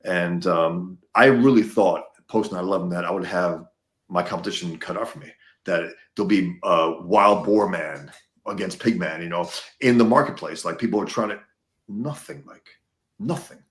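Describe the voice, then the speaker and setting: A man's voice: low voice, moderate pace, roomy sound. A man from the United States, a guest in a casual conversation, talking emphatically and repeating words as he gets worked up.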